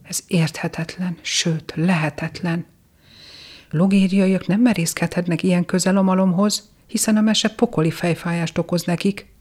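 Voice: mid-range voice, fairly even intonation, a little mellow, pitched above the performer's own voice, natural voice. A storyteller voicing a fretful, bewildered little gnome with a puzzled, anxious manner, in a storybook reading.

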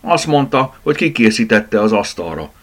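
A man's voice: fairly low pitch, big pitch swings, darkish tone, voice pushed up. A man voicing a grumbling, good-hearted plush toy in a children's storybook. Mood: quick.

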